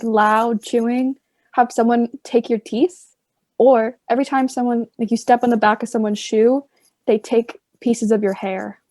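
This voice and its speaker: A woman on a podcast, speaking casually and hesitantly, often pausing. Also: a little high, mellow, no room sound, low-quality recording. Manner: hesitant, fills with "like". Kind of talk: casual chat.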